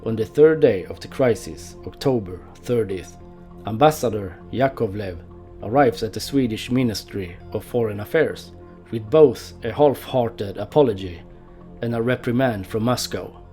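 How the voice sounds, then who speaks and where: A man's voice: on the low side, moderate pace, dark tone, faint music behind. A man narrating a history documentary, telling the story in an amused way and laughing now and then.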